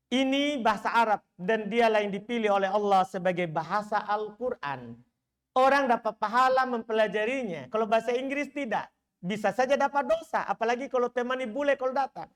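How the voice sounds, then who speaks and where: A male Islamic teacher giving a study lecture in a mosque. He talks in a lively, teasing way, often throwing rhetorical questions at the audience and then answering them himself. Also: extremely high pitch. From Indonesia.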